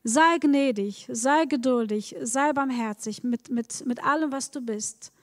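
Preaching unhurriedly in a high voice, a woman speaks straight to her congregation, offering encouragement and frequently repeating herself. The audio is studio quality without room sound but with a long reverb tail.

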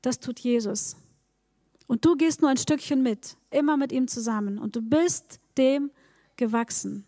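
A woman's voice: high voice, measured pace, warm tone, no echo, studio quality, big-room sound. A woman preaching a sermon, speaking straight to her congregation with encouraging words and frequent repetitions. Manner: encouraging, addresses the congregation directly, repeats words.

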